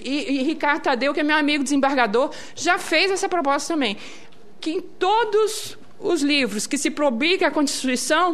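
High-pitched Brazilian woman giving a talk. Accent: Brazilian Portuguese. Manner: conversational, with frequent tag questions. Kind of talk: public talk with slides.

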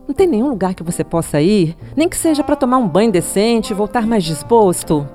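An actress playing a caring, reassuring nurse in a radio drama. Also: female voice, mid-range voice, animated, a little fast, dark tone, faint music behind, close to an everyday voice.

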